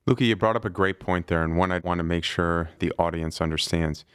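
A man's voice: sits low, a little fast, fairly bright tone, clean tone, dry recording, clean studio sound. A man hosting a medical podcast, asking questions in a friendly, conversational way. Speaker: podcast host and surgeon. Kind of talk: podcast interview.

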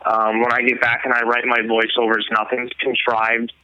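Bright-voiced man filmmaker, lo-fi sound. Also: medium pitch, monotone, normal speed, clear, resonant tone, no room sound. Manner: rambling, many fillers and restarts. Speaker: hunting filmmaker guest. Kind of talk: casual interview talk.

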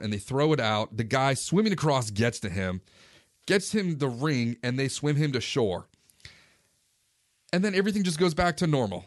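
A man in his forties, a fishing vlogger, casually recounting a day on the river in a relaxed, conversational way. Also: mid-range voice, dry recording, clean studio sound. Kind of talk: casual first-person storytelling.

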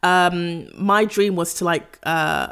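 A young woman, a podcast guest, telling a story in casual chat, laughing and acting out quotes in a high voice. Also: takes it slowly, fairly bright tone, clean tone.

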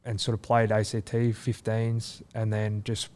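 A man's voice: on the low side, completely flat delivery, a little slow, a little mellow. A man from country Australia with an Australian accent, telling stories casually with lots of fillers and restarts. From country New South Wales, Australia. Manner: rambling with many fillers and restarts. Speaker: guest, former rugby league player. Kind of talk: casual storytelling.

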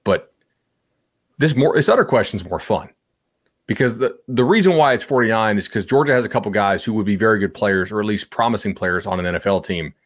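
A man talking casually on a podcast as a sports betting analyst, animated and chatty with lots of fillers. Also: lowish voice, a little fast.

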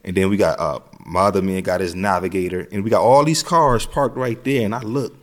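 A man's voice: sits low, a little fast. A middle-aged American man, an interview guest, telling his story in a casual streetwise way, with phrases repeated. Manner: streetwise, repeats phrases, frequent "you know what I'm saying".

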